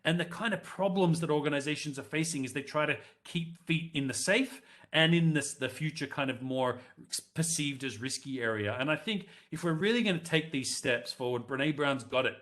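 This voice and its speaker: A man's voice: fairly high pitch, brisk, hardly any pauses, a bit bright. A man presenting a live webinar over a headset mic, talking to the audience in a conversational way and running live polls.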